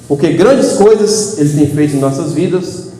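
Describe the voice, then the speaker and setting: Speaking at a normal pace in a slightly high, expressive, mellow voice, a Brazilian Portuguese-accented man delivers a casual evening sermon. He chats in a folksy way, telling everyday tales, peppering in "né," and addressing the audience as brothers, "irmãos." A faint hum runs through the echoey hall.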